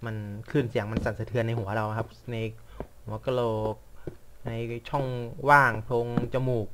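A man's voice: mid-range voice, fairly even intonation, moderate pace, background noise. Rambling young man muttering at a game. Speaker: gaming vlogger. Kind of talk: casual chat while playing.

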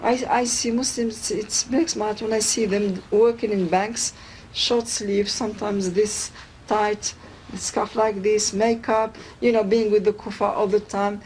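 A woman's voice: mid-range voice, fairly even intonation, measured pace, darkish tone, rough recording. A woman preacher speaks firmly, with non-native phrasing, as she gives religious rulings in a private house. She is recorded covertly on a hidden camera, with faint noise behind her voice. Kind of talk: religious instruction.

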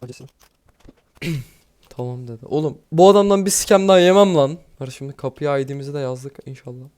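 A young man giving casual, excitable commentary over his gameplay, swearing often and laughing nervously. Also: on the high side, fairly quick, clear, resonant tone. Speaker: gaming YouTuber.

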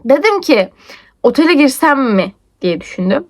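High-pitched young woman vlogger. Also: very animated. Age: young adult. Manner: rapid, breathless storytelling, swinging between high and low pitch. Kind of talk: casual storytelling vlog.

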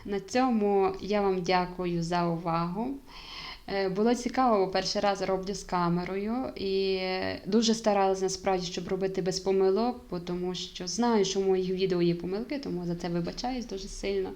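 Жінка, молода, невимушено пояснює урок італійської, часто вагається і виправляє себе. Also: female voice, mid-range voice, moderate pace, darkish tone. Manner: hesitant, many fillers and self-corrections. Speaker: Italian teacher. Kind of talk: casual video lesson.

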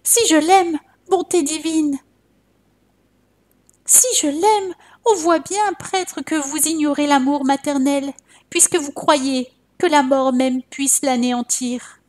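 A woman's voice: slow, a little mellow. A woman doing a frantic grieving mother. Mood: pleading. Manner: high pleading cries.

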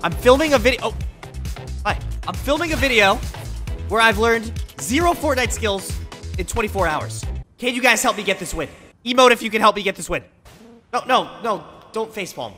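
Man through a squeaky voice changer. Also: normal speed, faint music behind. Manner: playful, self-mocking, excitable. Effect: voice changer raising the pitch. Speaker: gaming video creator. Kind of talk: live gameplay commentary.

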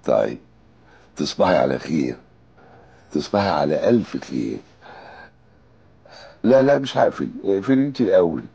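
Lovestruck older Egyptian man, TV drama: coy, tender late-night sweetheart call, very lively pitch, slightly husky. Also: moderate pace, pauses often, dull audio, exaggerated voice. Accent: Egyptian Arabic. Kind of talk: naturalistic TV drama dialogue.

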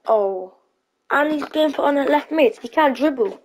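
A woman's voice: sits high, expressive, normal speed, rough recording. A woman giving casual, hesitant commentary on her own gameplay, thinking aloud with lots of ums. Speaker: gaming channel host.

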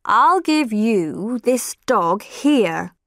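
Casting: reader as obliging neighbour, unhurried, dry close sound. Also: female voice, on the high side, animated, fairly bright tone, dry recording, heavily acted. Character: helpful neighbour who owns dogs.

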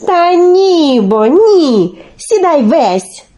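A woman's voice: a little high, lively intonation, a little slow, a little mellow. A woman voicing a sly, bossy serpent's daughter who speaks impatiently and insistently.

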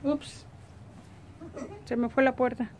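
A middle-aged woman with a Mexican accent talks in a slightly high voice, in the loose, colloquial way of a home vlogger. She narrates everyday life into a handheld phone, with ambient noise around her. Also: fairly even intonation, slow pace, darkish tone. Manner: colloquial, chatty. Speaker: family vlogger. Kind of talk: casual narration to camera while doing daily errands. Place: at home, indoors and in front yard. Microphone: phone at arm's length.

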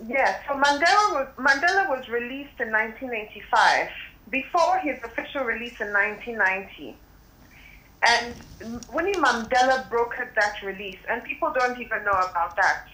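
Phone-in guest, female, high-ish, impassioned delivery, echoey phone-line audio. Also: expressive, moderate pace, sharp tone. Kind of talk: phone-in commentary. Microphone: telephone.

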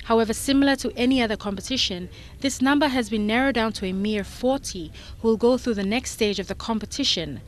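A woman narrating a television business news report in a measured, scripted delivery. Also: fairly high pitch.

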